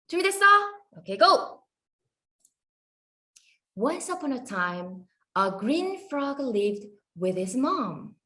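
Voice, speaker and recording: A woman teaching an English phonics lesson to young children in an animated, sing-song, encouraging way. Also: on the high side.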